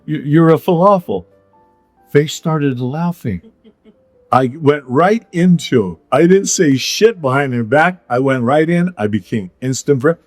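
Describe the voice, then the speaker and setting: A man's voice: fairly high pitch, expressive, measured pace, dry recording, soft background music. A middle-aged man from California, hosting a casual chat and telling rambling stories with frequent laughs. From Pacific Palisades, California. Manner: rambling storyteller, laughs often. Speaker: podcast host.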